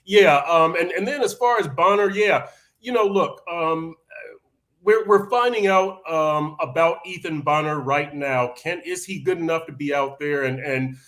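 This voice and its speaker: A man's voice: on the high side, a bit bright. A man hosting a sports podcast, talking casually with frequent restarts and fillers. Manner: halting, many restarts and fillers. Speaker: podcast host.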